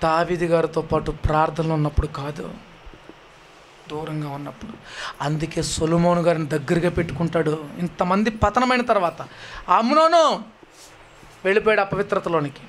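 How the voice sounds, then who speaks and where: A man delivers a sermon in a high voice. He pleads with his listeners and keeps asking them rhetorical questions, his voice rising and then falling away. A faint hiss sits under the recording. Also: a bit bright. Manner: pleading, rhetorical questions with sudden rises and drops. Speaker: preacher.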